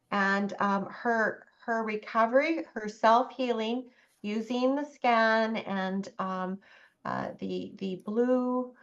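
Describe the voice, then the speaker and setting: A woman's voice: mid-range voice, fairly bright tone, dull audio. A woman on a video call who rambles and hunts for words, speaking carefully about a client. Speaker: practitioner on the call.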